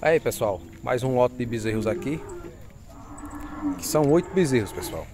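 A man's voice: mid-range voice, expressive, moderate pace. A man walks through outdoor cattle pens at a livestock fair, announcing each lot and its asking price to viewers on a handheld phone. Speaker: vlogger touring a cattle fair. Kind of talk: casual market walk-through.

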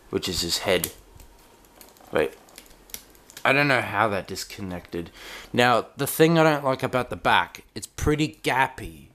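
A man whose voice sits on the low side with a fairly bright tone gives a hands-on toy review in a dim room. The talk is casual and rambling, halting with frequent restarts.

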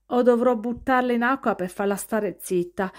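A woman's voice: on the high side, normal speed, pitched above the performer's own voice, close to an everyday voice. A woman voicing an arrogant, menacing teenage boy. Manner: menacing, condescending.

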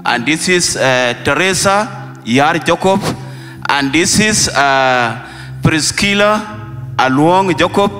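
A man from Sudan, a pastor speaking slowly with halting pauses. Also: a little high, animated, sharp tone, big-room sound, soft background music. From South Sudan. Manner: slow, halting, with many pauses. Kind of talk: thankful speech.

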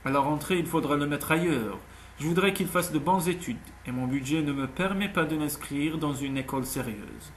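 A man's voice: on the high side, moderate pace, a little hiss or hum, natural voice. A man voicing a proud, anxious young single mother in an audiobook, speaking earnestly. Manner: earnest, tense, pleading. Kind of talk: audiobook character voice.

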